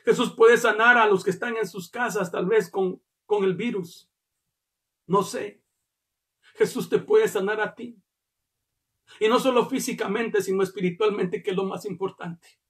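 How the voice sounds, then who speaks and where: A very high-pitched male pastor delivering a fervent sermon. He keeps calling his listeners brother, stumbles over repeated words and breaks into shouts at his strongest points. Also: steady tone, measured pace. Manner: rises to shouts at key points; repeats and restarts words while preaching.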